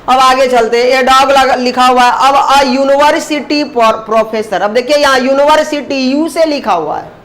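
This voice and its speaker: His voice is very high-pitched and fairly bright as he slowly works through a grammar lesson. He sounds out each word syllable by syllable and keeps answering the questions he puts to his students.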